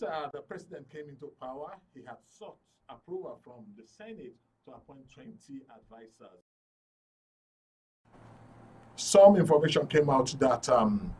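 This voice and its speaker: Speaking with a Nigerian accent, a man informally and jocularly fronts a live current affairs talk show he hosts on radio and TV. His mid-range voice is a little mellow with a breathy edge. The broadcast studio is noisy, and the mic sits at a distance.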